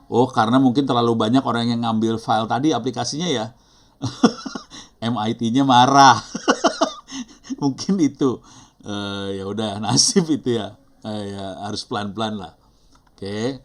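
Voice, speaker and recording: A middle-aged man with an Indonesian accent teaching an online class, talking casually and apologizing often as he thinks aloud. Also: on the low side. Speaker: instructor. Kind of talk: live online teaching session.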